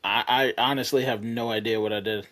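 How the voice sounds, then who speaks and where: Animated, profane man telling a story. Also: mid-range voice, brisk. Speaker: podcast panelist. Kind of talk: casual storytelling chat.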